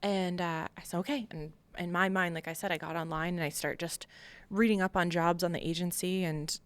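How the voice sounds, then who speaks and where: This podcast guest, an American veteran from Long Island, New York, recounts her experiences candidly and emphatically, acting out things people said. Her voice is fairly low, smooth and steady, a little fast, with no echo.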